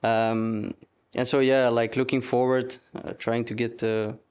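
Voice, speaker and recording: Smooth-voiced young Belgian man. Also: medium pitch, a little slow. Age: 20s. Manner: relaxed, hesitant with many fillers. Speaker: student athlete, soccer captain. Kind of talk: casual interview.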